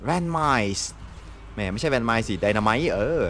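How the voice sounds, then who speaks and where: A young man with a Thai accent giving excitable gameplay commentary. He laughs often and swears mildly. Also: mid-range voice, drawn-out words, a little hiss or hum. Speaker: gameplay streamer. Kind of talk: casual let's-play commentary.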